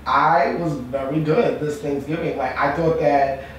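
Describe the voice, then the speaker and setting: A man's voice: on the high side, unhurried. A young man talks in casual slang and repeats himself as he goes. He comes across as a podcast co-host, recorded at a distance in a noisy, heavily reverberant room. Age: young adult. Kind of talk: casual chat. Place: echoey room called a studio.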